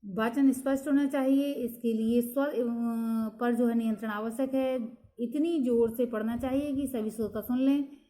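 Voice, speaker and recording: Mellow-voiced woman giving a lecture. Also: a little high, moderate pace. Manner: steady explanatory delivery with frequent fillers and "next point" cues. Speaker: teacher. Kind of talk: lecture reading from notes.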